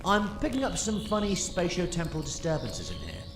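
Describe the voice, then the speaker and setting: A man's voice: high voice, huge pitch swings, fairly quick. A man playing an eccentric, scatterbrained alien time traveller in an audio drama, rambling and hesitating theatrically. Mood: flustered, chirpy. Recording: roomy sound with music behind.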